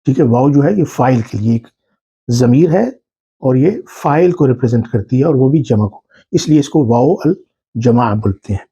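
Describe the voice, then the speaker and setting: A man's voice: mid-range voice, warm tone, slightly rough, highs cut off. A man teaching a grammar lesson who keeps asking questions and answering them himself, with English terms mixed into his explanations. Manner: patient, asks and answers his own questions.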